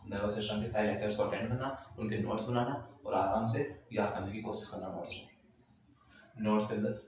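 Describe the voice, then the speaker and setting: A man's voice: lowish voice, a little mellow. Man lecturing in a very echoey room. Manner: repeats points and quizzes listeners with questions. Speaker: teacher. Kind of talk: recorded class lecture. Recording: very echoey room, voice from a distance, faint noise.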